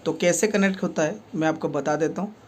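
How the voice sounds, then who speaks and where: A man's voice: fairly high pitch, a little fast, a little mellow. A man with speech, a repair technician who explains each step of fixing a table fan in a plain way, with many fillers. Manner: speaks while working with his hands.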